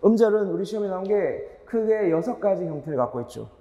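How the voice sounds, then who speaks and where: A male grammar teacher lectures in a roomy hall with long reverb. His voice sits a little high yet mellow, and his pitch swings widely as he fires rhetorical questions at his students and drives points home by repeating them. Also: lively intonation, a little fast, muffled recording.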